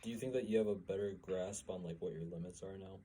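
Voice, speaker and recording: A young man with a fairly low voice tells a story on a podcast. He keeps it casual, laughing and swearing freely. A faint hiss sits under the recording. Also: fast talker, dark tone, low-quality recording. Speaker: podcast co-host. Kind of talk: casual chat.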